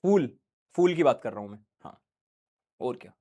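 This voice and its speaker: A man's voice: mid-range voice, expressive, brisk, a little mellow, husky, lo-fi sound. A young man teaching a science class online, playful and joking, acting out little scenes for his students while feeling unwell.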